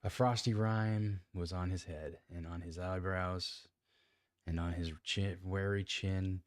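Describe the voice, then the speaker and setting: A man with a very low, deep voice reads a classic novel aloud in a dry, close sound. He trips over words now and then, restarts lines and talks to himself about how he read them. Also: fairly even intonation, takes it slowly, no echo. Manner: stumbles, restarts lines and comments on his own reading. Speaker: amateur reader.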